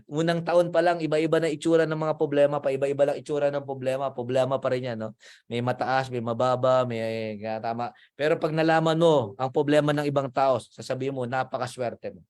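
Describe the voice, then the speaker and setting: A man giving a motivational talk to a group as a financial mentor, animated and acting out little scenes in higher voices. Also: brisk, clear, resonant tone. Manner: animated, acts out gossiping voices at higher pitch.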